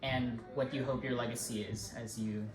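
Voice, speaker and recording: A man's voice: medium pitch, steady tone, brisk. A man interviewing an older guest, asking polite prepared questions. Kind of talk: recorded interview. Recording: roomy hall with crowd noise.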